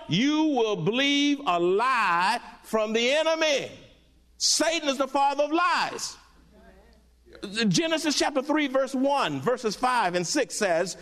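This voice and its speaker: A middle-aged male pastor preaching a sermon with animated call-and-response to his congregation. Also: high-pitched.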